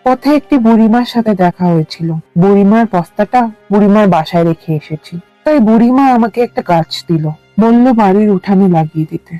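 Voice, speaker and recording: A man's voice: high voice, fairly quick, no room sound, lo-fi sound, faint music behind, natural voice. An actor voicing a poor, worried village father in a cartoon, talking earnestly and wearily. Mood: weary.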